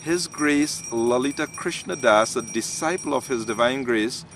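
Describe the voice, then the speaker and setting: A man hosting an interview, asking questions in a measured way with hesitant restarts. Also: mid-range voice, music in the background. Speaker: host. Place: outdoors, in hills. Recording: noisy outdoor recording.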